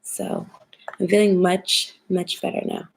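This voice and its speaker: A woman's voice: on the low side, flat delivery, measured pace, creaky, low-quality recording. A young woman with a smoky whiskey voice from a cold, chatting casually and informally to livestream viewers as a tarot reader. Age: young adult. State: getting over a cold. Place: home kitchen, indoors.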